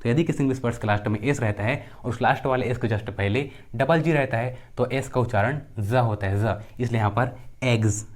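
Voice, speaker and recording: A young man who teaches English runs through pronunciation, talking a little fast at a medium pitch. Every rule and example word gets said twice, and he poses questions only to answer them himself.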